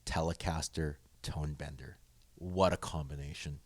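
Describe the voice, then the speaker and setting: A man's voice: rumbling low, steady tone, measured pace, slightly rough. A man hosting a podcast, chatting with enthusiasm about guitar effects and laughing often. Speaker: podcast host. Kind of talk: casual gear chat.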